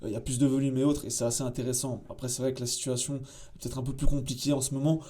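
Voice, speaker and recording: Man tutorial host, mellow dark tone, relaxed slangy delivery at a desk mic. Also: mid-range voice, very fast. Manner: casual, chatty, slangy, with many fillers and asides. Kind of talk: casual screen-share tutorial.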